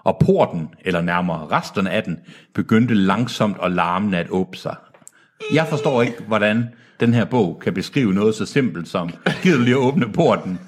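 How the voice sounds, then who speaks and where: A man's voice: sits low, animated, husky. A man co-hosting a comedy podcast, reading a novel aloud and breaking off to mock it and trip over words. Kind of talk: comedic read-along, mocking the text.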